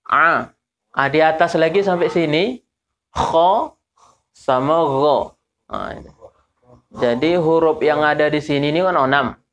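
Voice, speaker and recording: Slow-paced man teaching recitation. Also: on the high side, fairly bright tone. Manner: slow, drawn-out demonstration of letter sounds, repeating syllables. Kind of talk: teaching Quran pronunciation.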